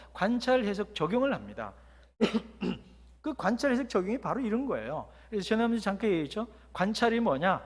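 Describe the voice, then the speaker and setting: Animated male pastor in a reverberant church. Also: high voice. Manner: lively, conversational, asks the audience questions. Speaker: guest pastor leading a seminar. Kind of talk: sermon-style teaching. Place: church sanctuary.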